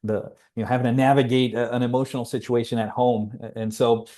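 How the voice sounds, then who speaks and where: Mellow-voiced man in his forties. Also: mid-range voice, level tone, fast talker. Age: 40s. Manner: reflective, rambling with frequent restarts. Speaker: podcast guest. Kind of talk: personal storytelling in conversation.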